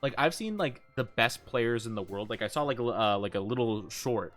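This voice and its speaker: A man's voice: mid-range voice, animated, moderate pace, a bit bright. A man chatting casually with viewers as he livestreams a game, upbeat and prone to giggling. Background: music.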